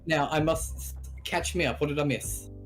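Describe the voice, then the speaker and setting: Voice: medium pitch, moderate pace. A guest on a live stream who joins the casual chat in a playful, teasing way. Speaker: co-host guest. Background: lo-fi music.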